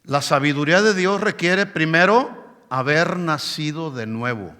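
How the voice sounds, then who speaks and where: A man's voice: a little high, a little slow, sharp tone. A male pastor preaching a sermon with emphasis, often checking in with the congregation. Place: church hall. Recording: long church hall reverb.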